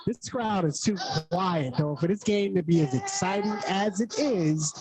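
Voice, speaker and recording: A man calling basketball play-by-play for a network broadcast, rattling off plays and scores in a steady, quick rhythm. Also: sits high, low-quality recording. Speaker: play-by-play announcer.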